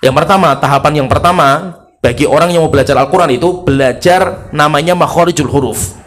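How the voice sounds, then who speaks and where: A middle-aged man from Indonesia preaches with lively, animated energy. His voice sits slightly higher than most men's. He repeats his points for emphasis and demonstrates pronunciation aloud. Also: a little fast. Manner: animated, repeats key phrases, imitates Arabic sounds. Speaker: Islamic preacher. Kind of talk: lively sermon lecture.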